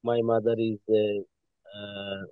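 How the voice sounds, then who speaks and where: Calling from his car over a tinny phone line, a man in his thirties from Bangladesh introduces himself to his class as a student. He is polite, addressing the teacher as "sir," but halting and full of fillers. His voice is fairly low with little pitch movement, and there's no room sound.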